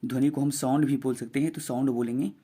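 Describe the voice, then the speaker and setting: A man's voice: mid-range voice, fairly even intonation, quick pace, warm tone, breathy edge. A man teaching a beginner English phonics lesson, patiently repeating each sound.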